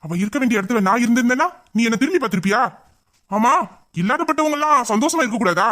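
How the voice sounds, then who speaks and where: Hot-tempered but tender young college man, played by a man, high-pitched. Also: fast talker, close to an everyday voice. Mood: angry. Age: young adult. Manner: fierce scolding, then soft and low.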